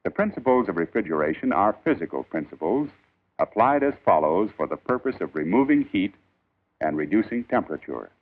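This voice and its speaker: A man reading a scripted 1940s instructional film in a formal, measured, emphatic old newsreel narrator style. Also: low voice, very animated. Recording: tinny band-limited 1940s film soundtrack.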